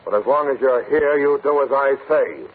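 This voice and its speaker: An actor playing a surly, bullying ship's mate, gruff and curt, in a 1940s radio drama. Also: male voice, mid-range voice, normal speed, close to an everyday voice. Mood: surly, stonewalling. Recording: tinny 1940s radio broadcast.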